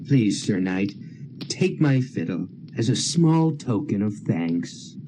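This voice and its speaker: A man's voice: lowish voice, big pitch swings, slow, background noise. A man voicing a humble, grieving woodcutter in a game, pleading and sorrowful. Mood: grateful. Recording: game audio with clear music.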